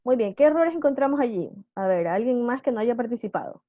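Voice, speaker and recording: A woman's voice: fairly high pitch, animated, brisk, no echo, highs cut off. A woman teacher giving a live online class, patiently quizzing her students with questions.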